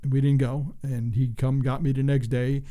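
Man, sixties, from Long Island, interview guest, rambling storyteller, acts out quotes, warm tone. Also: medium pitch, flat delivery, moderate pace. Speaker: guest, former race car driver.

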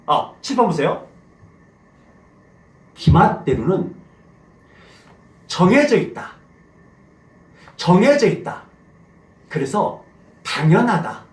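A middle-aged man teaching a language lesson, energetic and playful, drilling phrases over and over. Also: sits high. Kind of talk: animated classroom lecture with repetition drills. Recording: roomy echo.

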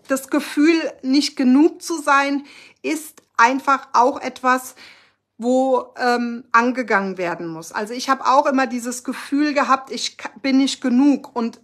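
A woman speaking to her viewers in casual live talk about her own experience, earnest and heartfelt, often pausing on fillers and correcting herself. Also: high voice, a bit bright.

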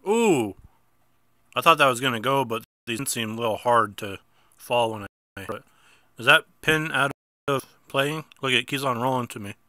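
The mid-range voice of this gameplay video host has a sharp tone and a moderate pace, captured as clean studio sound with no room sound. Stuffy-nosed, he chats casually through a mobile bowling game, mocking himself and breaking into sudden outbursts when he misses.

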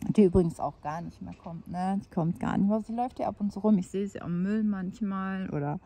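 A woman's voice: medium pitch, a little fast, warm tone. Chatty older woman whispering to animals. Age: 60s. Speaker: vlogger. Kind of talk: casual vlog chat. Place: outdoors, then at home at night.

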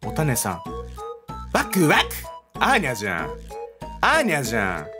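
A man's voice: mid-range voice, wildly swooping pitch, moderate pace, over music. Joking man playing a game. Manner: joking, self-mocking, thinking aloud. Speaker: game streamer. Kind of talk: let's play commentary.

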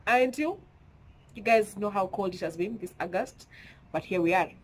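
A woman's voice: mid-range voice, moderate pace, slight background noise, low-quality recording. Chatty Kenyan woman with a stuffy nose. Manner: chatty, mixing in Swahili slang, emphatic. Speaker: vlogger. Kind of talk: casual chat to camera. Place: at home.

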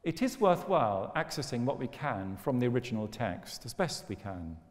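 A man's voice: mid-range voice, sing-song, normal speed. A man lecturing on philosophy in a wry, storytelling manner. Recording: long hall reverb.

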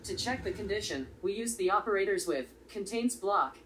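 A woman presenting a step-by-step coding tutorial in a steady, explanatory way. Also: medium pitch, normal speed. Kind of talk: step-by-step software tutorial narration. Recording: slightly distant voice with faint background noise.

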